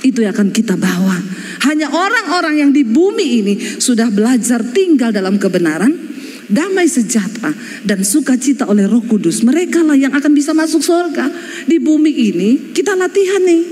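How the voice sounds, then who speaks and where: A woman pastor delivers a lively sermon in with a lilt. She is emphatic and earnest, with flashes of down-to-earth humor. Her voice rings out with a long reverb tail, as in a large church hall. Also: high-pitched, fairly quick.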